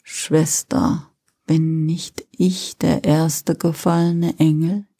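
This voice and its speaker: In a whispered role-play storybook, Lucifer speaks slowly and softly, as a woman acts him out, a calm fallen angel coaxing with gentle persuasion. The voice is low, dark and breathy, unhurried in every word. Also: exaggerated voice. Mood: soft persuasive.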